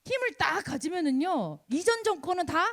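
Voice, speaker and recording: A young woman preaching a sermon to college students, acting out dialogue and building to shouts. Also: very high voice, normal speed. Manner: animated, acts out dialogue, rises to shouting. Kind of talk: youth sermon.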